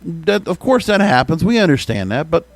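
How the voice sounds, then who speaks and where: Animated American man, higher-pitched voice. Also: normal speed. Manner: emphatic, rhetorical questions. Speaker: podcast host. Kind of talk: opinionated music radio commentary.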